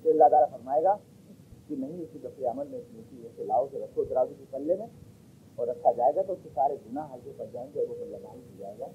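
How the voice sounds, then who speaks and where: A man delivering a Quran commentary lecture, asking rhetorical questions and swinging between loud emphasis and quiet asides. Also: medium pitch, a little fast, slight background noise. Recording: lo-fi muffled recording.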